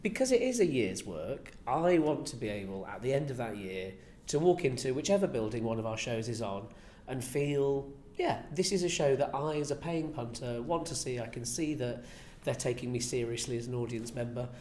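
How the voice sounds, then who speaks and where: A pantomime writer and director answers interview questions in a reflective, earnest, conversational way. His male voice is animated and a little mellow at a normal speed, recorded in an echoey room with a faint rumbling noise.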